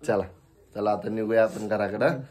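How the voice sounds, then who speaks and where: A young man, vlogging in a casual, chatty way and teasing with gentle coaxing, first at home and then outdoors on the road. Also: fairly low pitch, moderate pace. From Kolhapur region, India. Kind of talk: casual vlog talk to camera.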